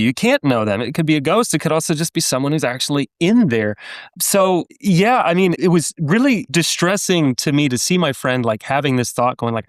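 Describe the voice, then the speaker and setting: A man's voice: a little high, no echo, studio quality. A man from New Orleans, a novelist guest on a podcast, talking in a rambling, thoughtful way with many fillers. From New Orleans, United States. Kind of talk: podcast interview.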